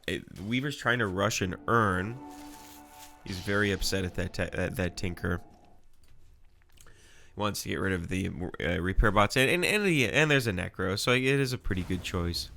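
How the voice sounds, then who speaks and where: A man with a low-pitched, bright and forceful voice calls a video game match live in a loose, chatty way. His nose is audibly stuffy, and he wanders off into asides as he talks. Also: vocal fry. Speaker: game commentator. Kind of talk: casual live commentary.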